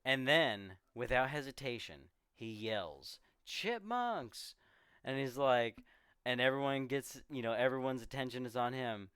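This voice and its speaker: A man in a casual podcast chat, walking through a movie scene by scene and dropping into quick quoted lines for the characters. His voice is smooth and resonant, recorded close and dry with no room sound. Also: medium pitch, fairly bright tone, dry recording. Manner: rambling, retells scenes with quoted voices and laughs. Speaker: podcast co-host.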